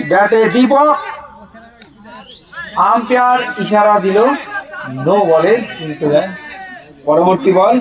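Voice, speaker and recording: A man's voice: high-pitched, low-quality recording. A man giving live amateur cricket commentary outdoors, repeating phrases for emphasis. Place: outdoors at a local cricket ground. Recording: loud crowd behind. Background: match crowd.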